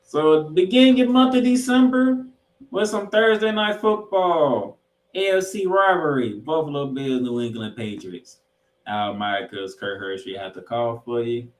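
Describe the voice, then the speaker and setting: Speaking a little slowly in a fairly high voice, a man trades game-preview banter as a sports podcast co-host. He previews matchups emphatically, throwing out questions and repeating phrases for effect, in a roomy, echoing recording.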